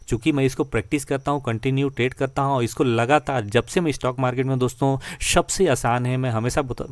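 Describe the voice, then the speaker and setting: A man's voice: medium pitch, darkish tone, no echo. A man giving a screen-share lesson on trading charts, repeating himself and often calling his viewers friends. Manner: repetitive, addresses viewers as friends. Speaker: stock trading teacher.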